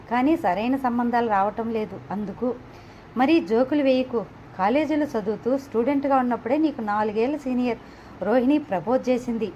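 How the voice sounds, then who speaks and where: A woman's voice: a little high, darkish tone, a little hiss or hum. A woman reading a novel aloud, narrating and speaking every character's lines in much the same voice. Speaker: audiobook narrator. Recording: slightly dull, lo-fi home recording.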